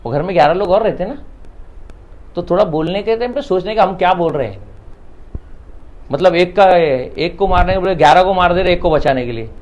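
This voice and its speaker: A man's voice: high-pitched, muffled recording. Insistent man with a Mumbai accent. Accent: Mumbai Hindi. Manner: emphatic, insistent, repeats himself. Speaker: interviewee answering allegations. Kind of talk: heated on-camera statement.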